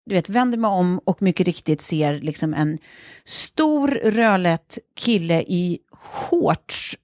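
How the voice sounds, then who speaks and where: A woman co-hosting a casual chat, telling a story in an animated way and acting out the quotes. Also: lowish voice, dry recording, studio quality.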